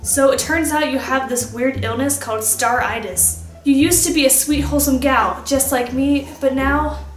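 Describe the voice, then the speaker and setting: A wholesome, sensible teenage girl acted by a girl, fairly high in pitch and a little exasperated. It is scripted comedy skit delivery, picked up in a roomy house by a mic some way off. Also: fairly even intonation, moderate pace, soft background music, lightly acted. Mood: earnest, concerned. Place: rooms of a house, indoors. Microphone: camera at a few feet. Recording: roomy home recording, distant camera mic.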